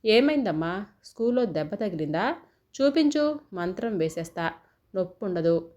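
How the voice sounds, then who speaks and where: A woman voicing a worried grandmother in a storybook, talking softly and comfortingly. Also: medium pitch, animated, normal speed, dull audio, lightly acted. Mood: coaxing. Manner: soft, coaxing, comforting. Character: gentle grandmother, soothing and worried.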